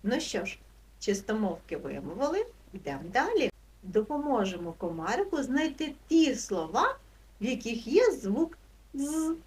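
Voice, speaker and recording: A woman teacher speaks to small children in a high, very lively voice, stretching each word out slowly and clearly. She praises them gently and keeps encouraging them. Her voice comes from a little distance from the microphone. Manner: slow, drawn-out word sounding for small children. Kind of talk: online lesson for young children.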